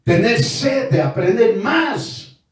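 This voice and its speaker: Emphatic male preacher, high and unhurried, heard from a distance. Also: animated. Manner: emphatic, repeats commands and asks rhetorical questions. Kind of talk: sermon. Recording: very echoey hall, voice far from mic.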